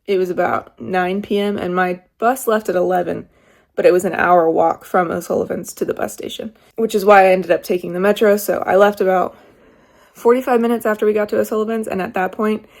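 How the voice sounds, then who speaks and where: A young woman talks through her travel day in a loose, chatty vlog style, rambling a little. Her voice has a gravelly, creaky texture at a medium pitch. She records it on her phone in a small room. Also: steady tone, a little fast, darkish tone. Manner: chatty, rambling, laughs now and then. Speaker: travel vlogger. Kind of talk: casual vlog narration. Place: indoors, small rented room. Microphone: phone camera.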